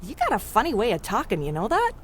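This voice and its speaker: A woman acts in a 1930s-style radio adventure serial as a plucky, streetwise city dweller who speaks in wry, colloquial terms. Her exaggerated voice sits on the high side, with huge pitch swings, a quick pace, and a breathy edge, sounding concerned and wry.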